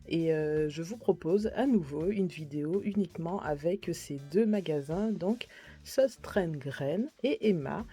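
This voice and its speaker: A woman's voice: lowish voice, expressive, measured pace, dark tone, slightly rough, faint music behind. A woman chatting casually through a shopping haul video, hesitant with many fillers, apologising for her English pronunciation. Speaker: vlogger.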